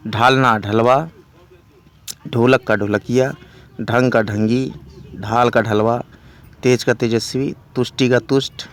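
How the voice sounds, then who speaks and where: A man teaching Hindi grammar, reciting long lists of word pairs in a steady, measured way. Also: medium pitch.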